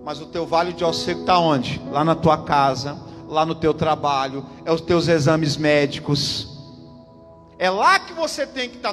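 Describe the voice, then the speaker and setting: A Brazilian pastor with a high-pitched voice preaches fervently at a church service, repeating his points and calling out to the congregation in Brazilian Portuguese. The recording has the long reverb of a church hall, and music plays clearly behind him.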